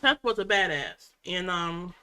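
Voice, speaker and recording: A woman's voice: fairly low pitch, lively intonation, a little slow, background noise. A woman chatting casually at home as a reaction vlogger, rambling with restarts as she recaps a show. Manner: rambling, frequent restarts and fillers.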